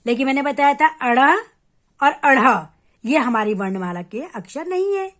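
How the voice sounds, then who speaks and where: A woman teaching a grammar lesson to children, patient and step by step, addressing them directly and sounding out letters slowly to show how they are said. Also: high-pitched, expressive. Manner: repeats sounds slowly and clearly to demonstrate.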